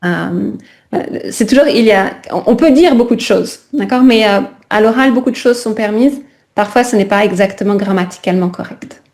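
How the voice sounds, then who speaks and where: A woman teaching a French class over a video call, pausing often to check that students follow. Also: medium pitch, darkish tone. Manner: keeps checking in with "d'accord?".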